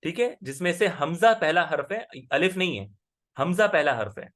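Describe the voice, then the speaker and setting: A man's voice: fairly high pitch, lively intonation, normal speed, fairly bright tone. A man teaching Arabic letters in an online class, explaining patiently and often checking that his student follows.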